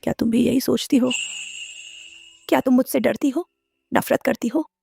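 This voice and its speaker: A woman's voice: high voice, fairly even intonation, normal speed, vocal fry, mellow, soft background music. A woman voicing a traumatized young woman in a dubbed drama, speaking in a fearful, pleading way. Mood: quiet anguish.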